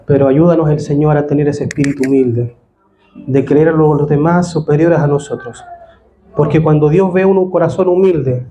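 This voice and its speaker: A man's voice: a little high, steady tone, moderate pace, dark tone, highs cut off. A man preaching a sermon as pastor, earnest and rising to fervent appeals, recorded on a mic in a church hall.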